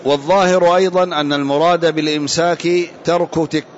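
A man's voice: fairly high pitch, fairly even intonation. Man reading a classical text aloud. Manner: measured formal recitation with careful vowelling. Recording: muffled lo-fi lesson recording.

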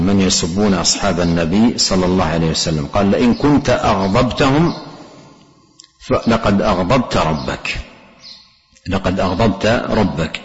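A very deep-voiced man delivers a slow, measured religious lesson, often pausing and repeating himself. His voice rings with a long hall reverb on a dull, lo-fi recording. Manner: slow, measured, with drawn-out pauses and repetitions. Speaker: religious teacher. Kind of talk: religious lesson and closing supplication.

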